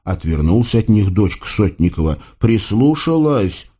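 Man, audiobook narrator, folk tale, animated, wide pitch swings. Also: moderate pace, breathy edge. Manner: lively folk-tale storytelling.

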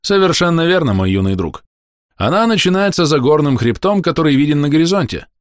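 A man reading an audiobook, voicing a smooth-talking male trader who sounds falsely friendly and faintly ironic. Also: on the high side, animated, brisk, no room sound, clean studio sound, pitched above the performer's own voice, lightly acted. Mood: ingratiating.

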